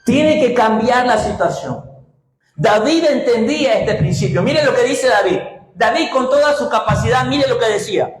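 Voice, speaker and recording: A male pastor preaching an emphatic call-and-response sermon in a church, often raising his voice to a shout. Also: extremely high pitch, animated, moderate pace, faint music behind. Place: church sanctuary. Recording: echoey church room.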